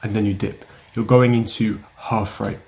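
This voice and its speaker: A young man delivers direct-to-camera self-help advice, bluntly and emphatically lecturing the viewer and repeating his main points. His fairly low voice has little pitch movement, some vocal fry and a slightly mellow quality, at a moderate pace, and there's a little hiss or hum in the recording.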